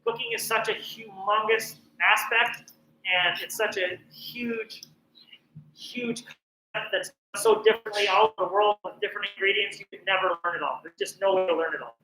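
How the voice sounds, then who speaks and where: A man's voice: high voice, big pitch swings, normal speed, bright, forceful tone, reverberant, poor audio. A middle-aged man from northern New Mexico, a professional chef giving a chatty, encouraging cooking class with plenty of "um" fillers. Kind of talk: casual cooking presentation.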